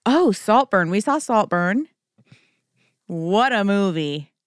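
Brief: young woman co-host, bouncy, swooping pitch, dry close sound. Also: slow pace, clean tone, no echo. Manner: enthusiastic, reactive, expressive. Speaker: podcast co-host. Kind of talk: casual chat.

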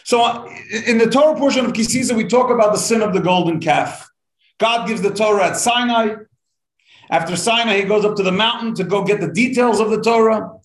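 A man with a fairly high voice leads a live-streamed Torah class. He talks in a chatty, upbeat way, like a teacher warming up his regular students. The room gives his voice a noticeable echo. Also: a little fast. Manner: chatty, upbeat teacher greeting viewers by name.

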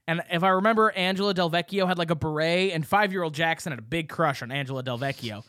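A young man co-hosting a casual podcast chat, excited and rambling, swearing freely as he reminisces. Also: fairly high pitch, fast, dry recording, clean studio sound. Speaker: podcast co-host.

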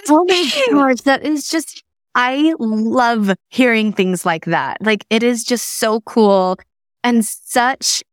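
Slow-talking female host. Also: fairly high pitch, dry recording, studio quality. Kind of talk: casual interview chat.

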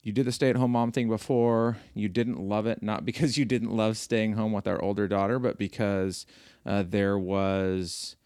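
A man's voice: lowish voice, fairly even intonation, moderate pace, few pauses, a little mellow, clean tone, no room sound. A man in his forties hosting a casual podcast at home, rambling and correcting himself as he teases his wife. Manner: rambling, self-correcting, teasing. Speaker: podcast host. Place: living room floor at home.

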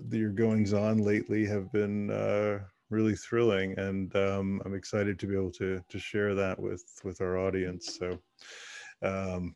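A man's voice: lowish voice, a little mellow, no room sound. A man hosting an interview podcast, reading sponsor messages and an introduction, then chatting with many hesitant fillers. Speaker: podcast host.

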